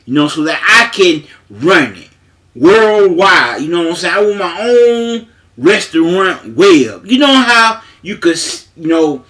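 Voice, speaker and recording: A man talks in a loose, emphatic monologue, circling back to the same points and leaning on fillers. His voice sits high for a man and has a bright, forceful edge. He speaks with a way of talking. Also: big pitch swings, unhurried. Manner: repetitive, emphatic, conversational with frequent fillers. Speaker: paralegal. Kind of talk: casual monologue to camera.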